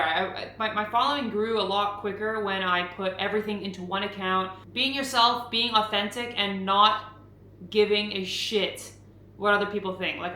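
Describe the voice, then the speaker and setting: A woman's voice: medium pitch, sharp tone. A young woman from Canada answering viewer questions in a casual chat, full of "like" fillers and the odd swear word. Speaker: fitness creator and host. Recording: echoey room with faint background noise.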